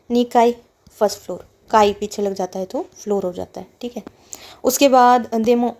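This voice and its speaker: A woman's voice: medium pitch, warm tone. A woman teaching a Japanese lesson, patiently reading words and explaining each one with repetition and translation.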